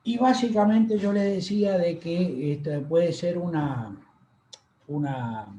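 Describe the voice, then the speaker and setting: Male lecturer, unhurried with fillers; roomy, slightly dull audio with faint noise. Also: sits high, dark tone. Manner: unhurried, many fillers and pauses. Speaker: university lecturer. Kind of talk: online lecture over slides. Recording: echoey room, dull lo-fi sound.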